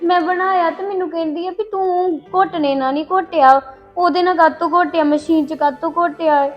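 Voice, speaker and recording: A woman's voice: very high voice, steady tone, fairly quick, highs cut off, soft background music. A woman playing an unhappy young married daughter with a Punjabi accent, complaining to her mother. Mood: complaining, tearful. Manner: complaining, pleading. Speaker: daughter on the phone. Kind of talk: family drama acting.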